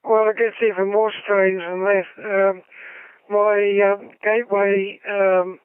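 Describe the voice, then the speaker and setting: Nz ham radio guy coming through on am radio, smooth but tinny, dry sound. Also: high-pitched, little pitch movement, dry recording. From New Zealand. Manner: halting, many ums, signs off with "over". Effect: heard over a narrow AM-style radio link. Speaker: amateur radio operator.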